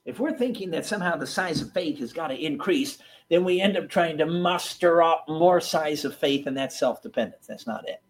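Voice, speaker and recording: A male preacher delivers a sermon to a seated congregation. His voice sits high and rises and falls dramatically, breaking into laughter and sudden shouts. He speaks with animated, storytelling energy. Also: moderate pace, hardly any pauses. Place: church or meeting hall with seated audience.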